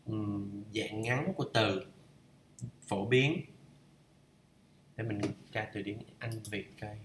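A man's voice: on the low side, slow pace, reverberant, noisy background. A man teaching English, reading a lesson aloud and patiently repeating each pronunciation. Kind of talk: bilingual lesson read-through.

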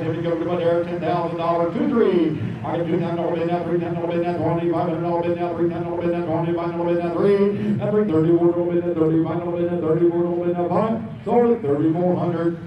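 A man's voice: sits high, steady tone. Man auctioneer rattling off bids, muffled, noisy outdoor sound. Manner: rapid rolling bid calls. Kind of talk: auction chant. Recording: distant echoey dull noisy outdoor capture.

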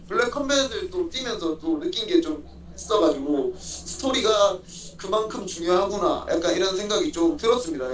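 A young man giving polite, halting interview answers, often repeating his own phrases, over a phone in a big indoor space. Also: sits high. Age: young adult. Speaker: MMA fighter being interviewed. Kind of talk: casual remote interview answers. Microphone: phone at arm's length, video call. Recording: echoey room, far-off mic, faint noise.

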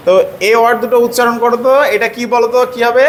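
A man's voice: extremely high pitch, flat delivery, a little hiss or hum. Echoey male tutor drilling pronunciation. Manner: patient, repeats words slowly and asks the student to answer. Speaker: English tutor. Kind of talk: one-on-one pronunciation lesson.

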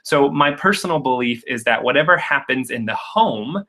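Bright, upbeat young man on a webcam. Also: medium pitch, expressive, normal speed. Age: young adult. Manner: upbeat, chatty, many filler uhs. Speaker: public speaking coach hosting a Q&A. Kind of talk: casual live webinar talk and storytelling. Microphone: webcam on a video call.

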